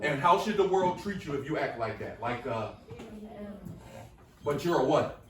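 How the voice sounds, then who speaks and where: A workshop speaker with a fairly high, animated voice leads a classroom of students in call-and-response at a moderate pace, repeating his questions energetically to coax out answers. The recording is echoey and distant.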